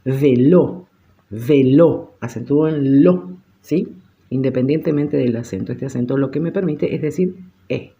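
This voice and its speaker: A French teacher who gives a patient lesson, repeats words slowly and often checks in with short questions. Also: medium pitch, creaky, lo-fi sound. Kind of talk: language lesson.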